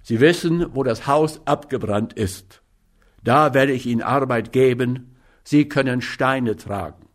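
A man's voice: medium pitch, a little slow, natural voice. A man reading a story aloud and voicing a surly, well-fed man who snarls scornful remarks between bites of meat pie. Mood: gruff. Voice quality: snarling, barking. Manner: curt and scolding. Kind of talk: audiobook character voice.

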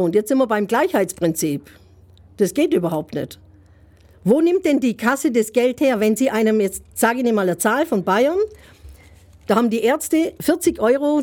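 A woman's voice: a little high, darkish tone. A middle-aged woman giving an interview as an author, speaking emphatically and indignantly, with many rhetorical questions. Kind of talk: interview answers.

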